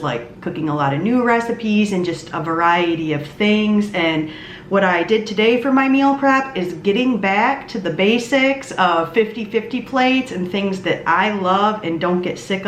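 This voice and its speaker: A woman's voice: mid-range voice, lively intonation, normal speed, roomy sound, slight background noise. A woman chatting casually about her meals in a food vlog, often laughing. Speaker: vlogger.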